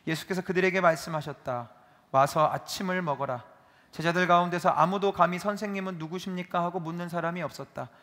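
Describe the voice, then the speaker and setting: A male pastor preaching a sermon, lively, acting out quoted dialogue as he goes. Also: high voice, brisk. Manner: animated, acts out dialogue in his telling. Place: church sanctuary. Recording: reverberant church hall.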